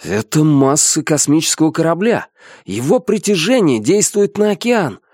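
A man's voice: fairly high pitch, animated, normal speed, a little mellow, no room sound, clean studio sound, pitched above the performer's own voice. A man voicing an astonished male scientist exclaiming what he understands.

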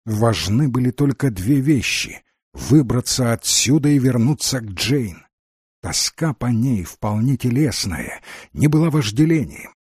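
A man narrating an audiobook in an expressive, dramatic reading. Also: mid-range voice, a little slow, slightly rough, no room sound, studio quality. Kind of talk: scripted narration.

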